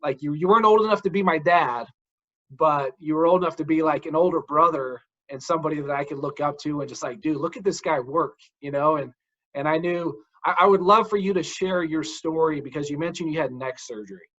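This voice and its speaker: A man in his forties chats as an interview host, eager and full of stories. His voice sits a little high. The audio is dull and lo-fi. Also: fairly quick, sharp tone. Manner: enthusiastic, storytelling, says dude a lot. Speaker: podcast host, mental coach. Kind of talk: casual interview chat.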